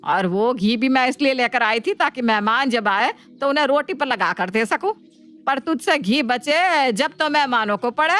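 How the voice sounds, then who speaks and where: A woman's voice: high-pitched, expressive, moderate pace, fairly bright tone. Woman voicing a whiny scheming mother-in-law. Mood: complaining. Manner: whiny, dramatic complaints. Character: middle-aged mother-in-law, scheming and complaining. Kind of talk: cartoon voice acting.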